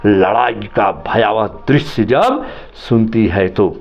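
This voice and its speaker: A man's voice: fairly low pitch, takes it slowly, vocal fry, lo-fi sound. A man who, as a teacher, retells a story for a lesson in a dramatic, repetitive way.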